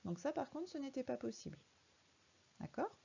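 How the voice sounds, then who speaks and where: Patient woman teacher, husky and dark. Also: high voice, big pitch swings, highs cut off. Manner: patient, slow, spells words out letter by letter. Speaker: primary school teacher. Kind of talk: recorded reading lesson for a young child.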